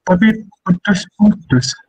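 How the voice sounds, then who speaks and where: A man's voice: high-pitched, lively intonation, slow pace, a little mellow, slightly rough, dry recording, low-quality recording. A young man, a student in an online class, answering his lecturer hesitantly and apologetically over a choppy, glitchy call connection. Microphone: video call.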